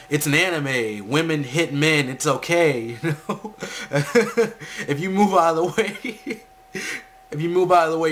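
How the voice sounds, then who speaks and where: A man's voice: medium pitch, a bit bright. Casual man recapping anime, faint background noise. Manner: conversational, opinionated asides. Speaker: anime episode reviewer. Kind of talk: casual episode recap and commentary.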